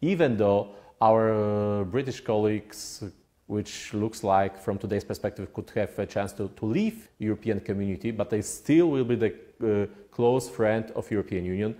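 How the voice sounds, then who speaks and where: A man with a Polish accent giving formal interview answers in a deliberate, diplomatic way with hesitant phrasing. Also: lowish voice, fairly even intonation, dark tone. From Poland. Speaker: ambassador, interview guest.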